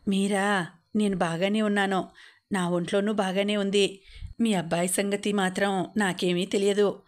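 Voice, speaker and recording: A woman reading the part of a calm, sensible young woman giving measured, gently firm advice, in an audiobook. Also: mid-range voice, lightly acted. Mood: composed.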